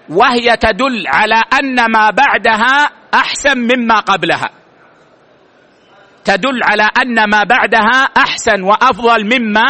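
High bright guy teaching a religious lesson, slow, keeps repeating words.

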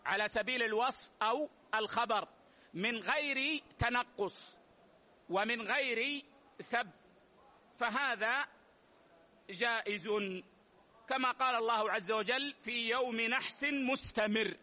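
Man, religious lesson, very high voice, bright tone, repeats key phrases, measured teaching. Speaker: Islamic scholar teaching. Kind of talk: religious lesson explaining rulings.

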